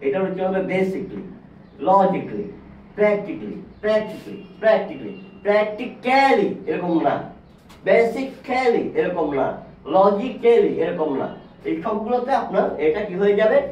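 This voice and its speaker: A man teaching an English lesson at a whiteboard. He repeats words slowly and asks questions. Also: high-pitched, expressive, warm tone, slight background noise. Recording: distant, echoey, dull classroom sound.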